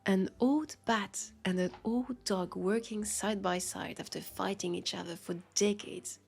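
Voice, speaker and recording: Husky and creaky with a French accent, a woman portrays a wry, centuries-old vampire detective for an intimate audio roleplay. Her mid-range voice holds a steady tone, her mood teasing. The delivery is unhurried and conversational, punctuated by pauses and sighs.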